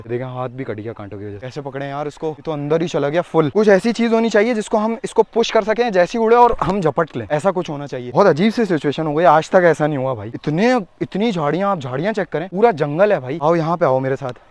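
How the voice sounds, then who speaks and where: Excited man vlogging outdoors. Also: a little high, no echo. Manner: excited, talks to camera, whispers when creeping closer. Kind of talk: casual vlog narration while searching. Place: outdoors in thorny scrubland.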